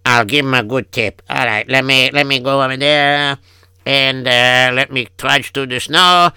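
A man's voice: mid-range voice, steady tone, unhurried, sharp tone, clear, resonant tone, no room sound, clean studio sound. A man playing a fretful Yiddish-accented husband. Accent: Yiddish-inflected English. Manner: kvetching, sighing oy vey. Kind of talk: improvised comic radio story.

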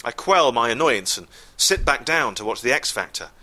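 A man telling a comic story live, wry and exasperated, with deadpan asides. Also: mid-range voice, normal speed.

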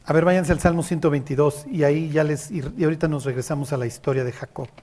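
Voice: medium pitch, fairly even intonation, quick pace, mellow. A speaker teaching a Bible study to a group, often checking that listeners follow and acting out the quoted passages. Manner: keeps checking in with listeners, acts out biblical quotes.

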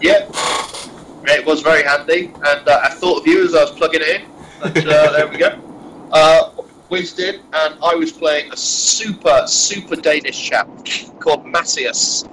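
Driving while nursing a head cold, a nasal-sounding podcast co-host rambles casually through a wargaming tournament story, restarting with plenty of filler. His fairly bright voice sits on the high side at a moderate pace, with slight background noise in a rough recording.

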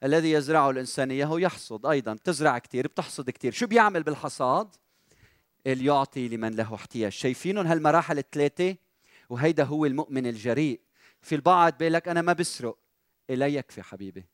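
A Lebanese pastor delivers a lively sermon in his local accent, putting questions to the congregation and pressing hard on key words. His voice sits a little high for a man. The recording is dry, with no room echo. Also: very fast. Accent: Lebanese Arabic. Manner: animated preaching, quizzing the congregation with rising emphasis.

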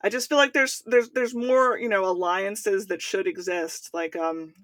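A woman's voice: mid-range voice, steady tone, measured pace, a bit bright, no room sound. A woman hosting a podcast interview, asking casual, hesitant questions. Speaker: podcast host.

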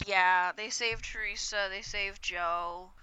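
A woman's voice: medium pitch, steady tone, takes it slowly, sharp tone, clear, resonant tone, dry recording, lo-fi sound. A woman co-hosting a podcast, congested, chatting casually and rambling through an episode recap while acting out characters' lines. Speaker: podcast co-host.

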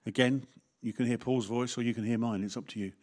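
A man preaching as the vicar of his parish. His voice sits at a middle pitch, and his manner is candid and conversational, full of asides and wry jokes. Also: steady tone, fast, darkish tone. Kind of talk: sermon.

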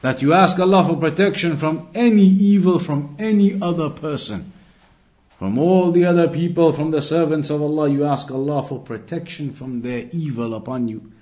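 This Islamic lesson comes from a male religious teacher whose voice is a little high and a little mellow, at a moderate pace. He reads Arabic passages and explains them instructively, going back over points for emphasis.

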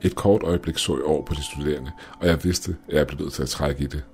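A man narrating a first-person horror story in a steady, measured way, with faint music behind. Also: a bass voice.

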